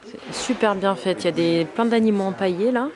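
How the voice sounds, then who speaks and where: A woman in her thirties with a French accent, chatting excitedly and laughing as she films a family outing. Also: mid-range voice, brisk. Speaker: vlogger. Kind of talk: casual family vlog. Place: outdoors and in a visitor center. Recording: noisy outdoor camera audio.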